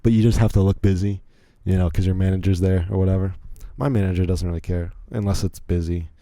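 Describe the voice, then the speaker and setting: A young man from Virginia in the United States tells stories alone on his podcast, chatty and rambling with frequent asides. He talks fast in a low-pitched, mellow voice with fairly even intonation, and the studio sound is clean with no room noise.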